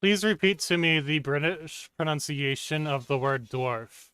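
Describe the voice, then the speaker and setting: A man with a smooth, crisp voice gives short, patient instructions in a calm, steady way. He sounds like a streamer coaching someone through a task. The sound is dry and close, with no room echo. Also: fairly high pitch, unhurried.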